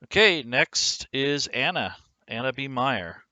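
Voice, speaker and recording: A man's voice: medium pitch, big pitch swings, takes it slowly, bright, forceful tone, no echo. A man hosting an online interview, friendly and hesitant, with frequent ums while he asks questions. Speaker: host.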